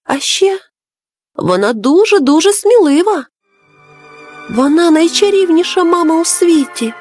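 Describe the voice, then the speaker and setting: A small storybook boy, eager and a little wistful, played by a woman reader in a high childlike register. He speaks with open wonder and sadness for his lost mother. The voice sits well above an ordinary adult's. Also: expressive, measured pace, a little mellow, soft background music.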